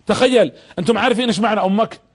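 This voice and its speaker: A man's voice: high-pitched, racing. A man preaching on television from a studio, talking emphatically, repeating words and putting direct questions to viewers. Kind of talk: televised religious talk to viewers.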